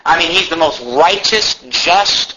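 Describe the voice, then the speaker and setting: Preaching a little slowly, this American man has a higher voice that sounds pushed and bright. He drives his sermon's points home emphatically with repetition and rhetorical questions, in a muffled lo-fi recording with faint background noise.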